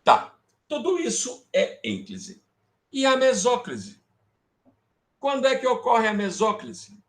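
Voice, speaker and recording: A man's voice: very high-pitched, wildly swooping pitch, takes it slowly. A male teacher with a Brazilian accent giving an online grammar lesson, often checking in with students and calling them affectionate names. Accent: Brazilian Portuguese. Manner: calls students "amores", checks with "beleza?" and "tá?"; fiddles with slides while talking to himself.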